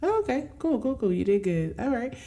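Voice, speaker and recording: A woman co-hosting a casual chat, expressive and playful. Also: fairly high pitch, fairly quick. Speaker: co-host.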